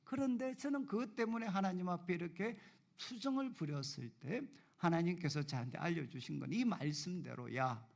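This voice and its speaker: A pastor telling a personal story in a sermon with animated, self-deprecating humor, in a church sanctuary. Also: male voice, sits high, normal speed, gravelly, hardly any pauses.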